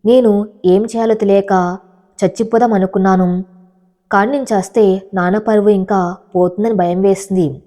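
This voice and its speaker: A woman's voice: mid-range voice, steady tone, moderate pace, long pauses, mellow, natural voice. A woman voicing a heartbroken young bride in a storybook reading, speaking in a pleading, tearful way. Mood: sorrowful.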